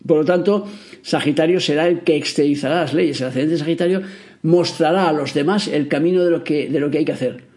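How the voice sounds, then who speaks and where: A man's voice: fairly high pitch, a little fast, a little mellow. A middle-aged man, teaching astrology in a spoken lecture, explaining patiently with rhetorical questions and fillers.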